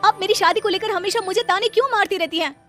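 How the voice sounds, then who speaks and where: A woman's voice: very high-pitched, fast, fairly bright tone, faint music behind. A woman voicing a defiant but polite unmarried schoolteacher daughter of nearly thirty in a moral-story cartoon. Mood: indignant. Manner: indignant, protesting.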